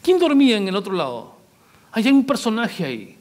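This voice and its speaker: A man's voice: high voice, wildly swooping pitch, normal speed. A male pastor preaching a sermon, asking the congregation question after question and acting out the lines he quotes. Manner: acts out quoted lines in varied voices.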